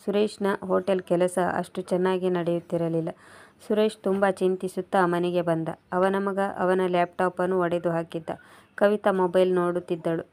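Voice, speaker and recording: A woman narrating a moral storybook tale in a steady, even read-aloud manner. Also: on the low side, normal speed.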